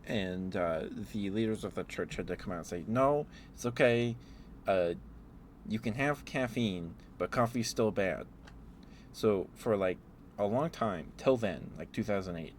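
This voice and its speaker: Clearly audible background noise sits behind a low-voiced male ASMR streamer. His casual chat rambles through stories, pausing and looping back on itself.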